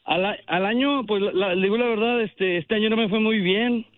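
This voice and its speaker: Caller guy from el paso, higher voice, dry dull phone sound, kinda hesitant. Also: normal speed. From El Paso, Texas. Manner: hesitant, lots of fillers.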